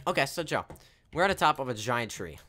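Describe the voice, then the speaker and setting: A man hosting a modded survival game let's play, chatting casually, goofy and quick to laugh. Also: mid-range voice, big pitch swings, pushed and bright. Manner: goofy, laughs often, swaps in mild swears. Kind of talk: casual gaming commentary.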